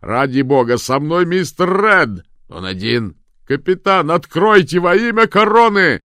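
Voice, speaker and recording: A man voicing a desperate, freezing gentleman in a storybook reading, shouting and pleading over the wind. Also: low-pitched, a little slow, vocal fry, no echo, clean studio sound, heavily acted. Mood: yelling.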